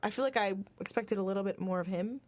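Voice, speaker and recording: A young woman co-hosts a film chat on college radio and often acts out how she reacted while watching. Her voice has a plain middle pitch. The recording is close and dry. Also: fast, a little mellow, dry recording. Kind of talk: casual film review chat.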